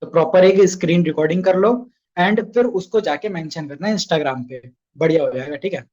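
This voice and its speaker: A man's voice: on the high side, normal speed, darkish tone, dull audio. A young man runs a casual online sales training session, chatty and coaxing, often asking his listeners questions.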